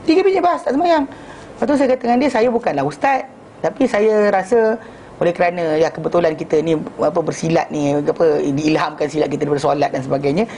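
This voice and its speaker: A man leads an informal religious class at a rapid clip. He tells animated stories, acts out the dialogue, restarts his sentences often and slips into English now and then. A faint hiss sits under his voice. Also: high voice. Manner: animated storytelling, acting out dialogue, many restarts; mixes in English phrases. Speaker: religious teacher.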